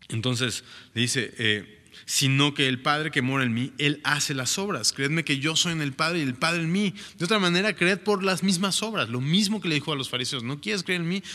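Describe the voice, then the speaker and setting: Brief: male preacher, bright voice, chatty Bible teaching in a long reverberant room. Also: on the high side. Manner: reads scripture aloud, then comments with frequent rhetorical "¿no?".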